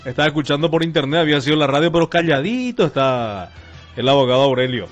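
A man working as a radio announcer, reading the time and temperature and greeting listeners in a relaxed way. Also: on the high side, fast talker, soft background music. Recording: dull lo-fi radio sound.

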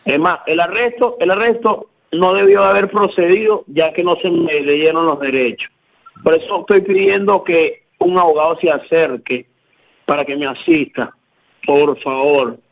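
A man's voice: fairly high pitch, moderate pace. A man with a Venezuelan Caracas accent speaks on a phone interview, pleading and often repeating himself. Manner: pleading, repeats words, says "brother" often. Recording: tinny phone line on radio.

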